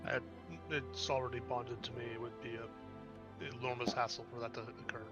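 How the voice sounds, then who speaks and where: A man's voice: medium pitch, level tone, normal speed, dull audio, music in the background. A man playing a tabletop game, speaking in a matter-of-fact way. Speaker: player.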